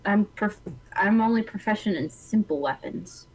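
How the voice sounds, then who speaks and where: A woman playing in a tabletop game, chatting casually in an unhurried, unsure way. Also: mid-range voice, lively intonation, slightly rough, low-quality recording. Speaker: player.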